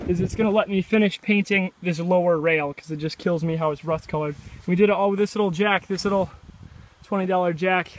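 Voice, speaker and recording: Young man, video diary, slightly high-pitched, relaxed chatty talk, outdoor site, faint crickets behind. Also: a little hiss or hum. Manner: relaxed and chatty, with halting restarts. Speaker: DIY vlogger. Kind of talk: casual self-filmed video diary. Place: outdoors at a rural building site.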